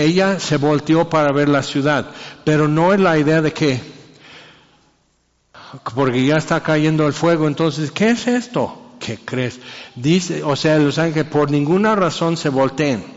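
A man's voice: a little high, big-room sound, highs cut off. A man preaching a sermon in a casual, joking way, acting out little scenes. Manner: conversational, acts out voices and jokes.

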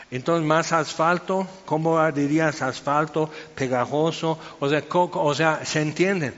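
A man's voice: a little high, muffled recording. Chatty man teaching in an echoey hall. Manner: chatty, storytelling with quoted voices and fillers. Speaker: Bible teacher. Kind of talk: informal Bible teaching.

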